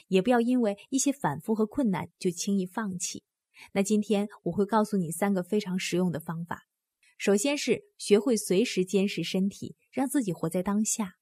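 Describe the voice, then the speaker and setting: Husky woman narrating a book summary. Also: medium pitch, darkish tone, dry recording. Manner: earnest, addresses the listener directly with questions. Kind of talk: scripted book-explainer narration.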